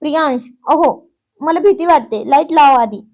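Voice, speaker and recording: A woman's voice: sits high, moderate pace, darkish tone, natural voice. A woman voicing a stubborn, clingy young woman who whines and pleads in a childish sing-song. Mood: pleading.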